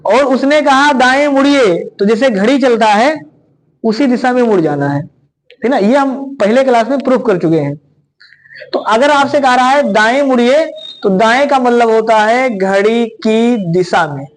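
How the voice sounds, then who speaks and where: A man teaching a classroom of exam students, speaking loudly, repeating himself and checking "right?" after each point. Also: very high-pitched, expressive, normal speed, poor audio. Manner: loud, repetitive, keeps asking "right?". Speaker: reasoning teacher. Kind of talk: classroom lecture.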